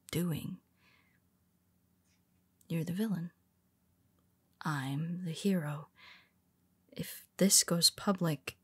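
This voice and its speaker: In an audio roleplay, a woman voices a young female superhero with a lowish, husky half-whisper. She speaks hesitantly and restarts often, and there's no room sound.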